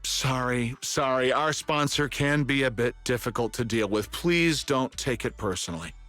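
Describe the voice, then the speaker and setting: A man playing an eager, apologetic show director in an anime game, polite, excitable and placating. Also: medium pitch, moderate pace, faint music behind, close to an everyday voice.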